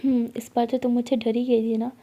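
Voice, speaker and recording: A woman's voice: fairly high pitch, flat delivery, a little fast, warm tone, lightly acted. Proud rich college girl, voiced by a woman. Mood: teasing. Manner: teasing, sulky pleading. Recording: dull lo-fi recording.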